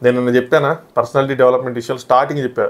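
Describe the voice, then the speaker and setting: A man's voice: medium pitch, rapid-fire. A man casually reviewing a reality show episode, retelling what happened and often quoting people. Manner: animated retelling of events, often quoting others.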